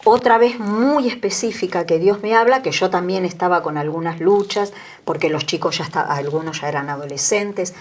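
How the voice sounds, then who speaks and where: A woman's voice: lowish voice, moderate pace. A woman in her sixties with an Argentine Spanish accent, a guest telling her story with earnest emotion. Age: 60s. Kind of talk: testimony in an interview.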